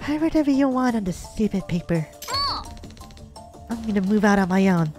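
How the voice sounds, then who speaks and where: A man's voice: sits high, lively intonation, moderate pace, music in the background, pitched above the performer's own voice. A man voicing a sullen, defiant young girl in a video game.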